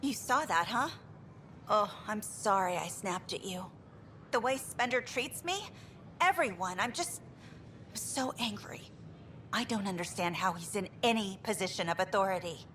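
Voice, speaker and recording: A woman's voice: medium pitch, animated, a little slow, a bit bright, a little hiss or hum. A woman voicing a frustrated female engineer on a space station, venting in an earnest, exasperated way.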